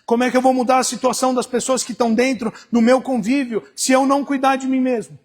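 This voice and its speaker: A male pastor with a Brazilian Portuguese accent preaching a sermon, dropping to hushed storytelling and rising to shouted exhortation. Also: very high voice, steady tone, fast talker.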